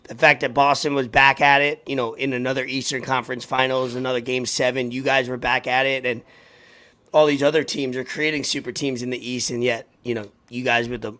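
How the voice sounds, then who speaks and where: Man, thirties, raspy, hoarse, sports podcast host, informal halting delivery. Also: mid-range voice, level tone, bright, forceful tone. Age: 30s. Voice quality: raspy, worn voice. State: hoarse from partying. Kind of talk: casual sports chat.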